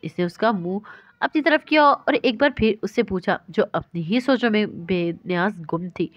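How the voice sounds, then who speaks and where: A woman reading a romance novel aloud in steady, even storytelling, in a dry, slightly dull recording. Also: mid-range voice, no echo. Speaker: novel reader. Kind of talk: scripted narration of a romance novel.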